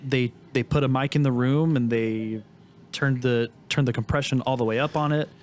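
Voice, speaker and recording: A man's voice: mid-range voice, steady tone, moderate pace, darkish tone. A man co-hosting a podcast, explaining studio history with many restarts and fillers. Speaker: podcast co-host. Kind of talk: casual chat.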